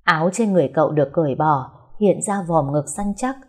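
A woman narrating an audio story in a calm, even manner. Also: deep voice, a little fast, slightly rough.

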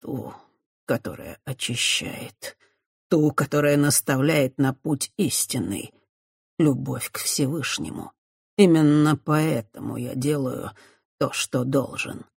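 An audiobook reader voicing a remorseful, torn male priest who speaks low, muted and sorrowful. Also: slow pace, vocal fry, slightly rough, dry recording, studio quality, exaggerated voice. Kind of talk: audiobook character voice.

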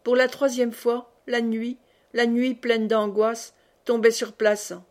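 A woman reading a classic novel aloud in a measured, expressive way. Her voice sits somewhat high for a woman. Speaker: audiobook reader. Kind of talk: scripted narration.

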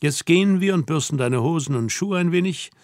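A man reading an audiobook voices a young woman who teases and orders her companion about, asking brisk, mocking questions. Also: fairly high pitch, animated, a little mellow, no room sound, studio quality, pitched above the performer's own voice, lightly acted. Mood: teasing. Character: young woman, teasing, bossy and self-assured. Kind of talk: audiobook dialogue.

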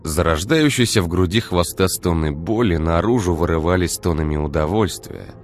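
A man reading a dark audiobook in an even, unhurried narrating voice. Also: deep voice, faint music behind. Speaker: audiobook reader.

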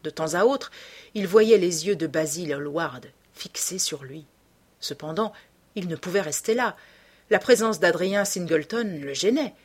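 Husky-voiced woman narrating a novel. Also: on the low side, animated, unhurried. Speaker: audiobook narrator.

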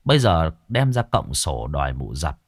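A man narrating a ghost story in a folksy, animated storytelling manner. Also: extremely low pitch, moderate pace, breathy edge, dry recording, clean studio sound.

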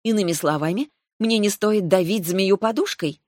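A woman narrating a first-person fantasy audiobook in a wry, even storytelling manner. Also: medium pitch, moderate pace, no room sound, studio quality.

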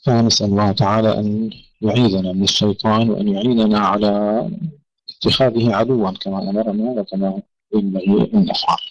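A man with a low, gravelly voice teaches Quran recitation, stopping to correct common errors and sound out each word slowly. The recording is dull and lo-fi, with a dry, close sound. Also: little pitch movement, no echo. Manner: corrects common mistakes and slowly demonstrates pronunciations. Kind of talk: tajweed lesson.

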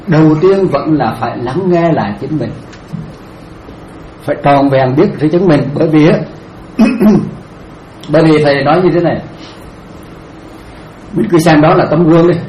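A male Buddhist monk giving a dharma talk, answering a question gently, repeating his phrases and laughing now and then. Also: a little high, moderate pace, pauses often. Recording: echoey room, faint noise.

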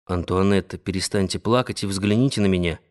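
A man reading the lines of a confident wealthy financier, speaking softly and persuasively. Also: sits low, a little fast, pitched below the performer's own voice, lightly acted. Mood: coaxing. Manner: soft, gently persuasive. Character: confident wealthy male financier, tender and coaxing.

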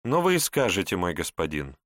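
A man's voice: mid-range voice, animated, moderate pace, a bit bright, no room sound, studio quality, voice pushed up, lightly acted. A man voicing a shy, deferential young maidservant in an audiobook. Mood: bashful. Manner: bashful, deferential.

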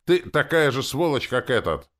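A man's voice: medium pitch, very animated, moderate pace, voice pushed up, close to an everyday voice. A man voicing a cynical male tracker who talks coldly and swears in an audiobook. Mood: angry. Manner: cold, swearing. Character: cynical male tracker, cold and foul-mouthed. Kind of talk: audiobook character reading.

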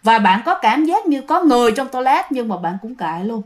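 Woman narrator, slightly high voice, casual ghost-story telling, talks straight to listeners. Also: big pitch swings, moderate pace. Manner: chatty, addresses listeners directly.

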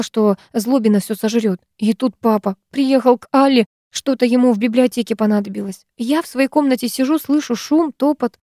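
A woman's voice: a little high, dark tone, no room sound, clean studio sound, pitched above the performer's own voice, natural voice. A woman voicing a frantic, tearful young girl. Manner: rushed, pleading, sobbing outbursts.

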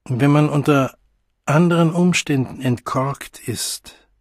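Man reading a shy awkward lonely guy, murmury and husky, slow, audiobook. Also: a little high, dry recording, clean studio sound, full character voice. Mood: embarrassed. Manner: murmured, embarrassed.

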